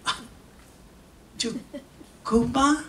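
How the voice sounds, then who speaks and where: A middle-aged man with a very high-pitched voice reads a theatrical monologue from a script at a podium onstage, switching between Spanish and English. His delivery is expressive and emphatic, with deliberate pauses, into a stand microphone. Crowd noise and faint background noise come through in the distant, echoey hall recording.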